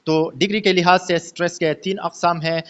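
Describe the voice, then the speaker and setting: A man teaching English pronunciation in an online lesson, explaining slowly with many hesitations and frequent check-ins. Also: sits high, steady tone, fairly bright tone, smooth. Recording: dull lo-fi voice recording.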